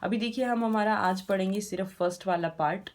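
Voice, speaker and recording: A woman's voice: medium pitch, fairly quick. A woman with an Indian accent teaching English grammar step by step in a patient classroom style, asking rhetorical questions as she goes.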